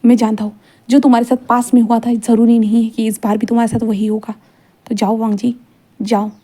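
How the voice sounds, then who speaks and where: A woman voicing a loyal male aide who quietly scolds his boss. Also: a little high, flat delivery, brisk, close to an everyday voice. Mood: reproachful.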